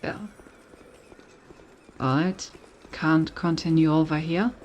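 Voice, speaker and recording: A woman's voice: sits low, fairly even intonation, takes it slowly, a little mellow, muffled recording, slight background noise. A woman game streamer giving casual gameplay commentary, thinking aloud as she goes. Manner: thinks aloud, reads on-screen text.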